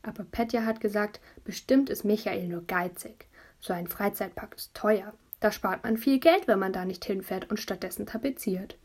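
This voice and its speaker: A woman narrating a children's audiobook in a lively storytelling voice, telling it as a child would. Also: mid-range voice, normal speed.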